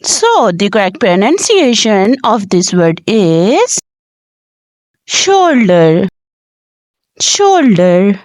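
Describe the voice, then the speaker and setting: A woman leads a short pronunciation lesson, saying one word over and over with careful, deliberate repetition. She speaks extremely slowly, and her fairly high voice rises and falls in a lively way. The sound is dry and close, with no room echo. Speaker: pronunciation teacher.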